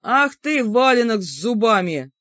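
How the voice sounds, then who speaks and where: A woman's voice: mid-range voice, lively intonation, measured pace, no echo. A woman voicing an angry, bickering male shadow spirit in an audiobook. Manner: shouting, insulting. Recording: dull lo-fi dry recording.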